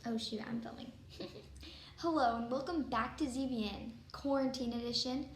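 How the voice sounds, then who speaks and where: A woman's voice: a little high, moderate pace, roomy sound, slight background noise. A woman hosting a casual home video show, explaining things in a chatty way. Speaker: host.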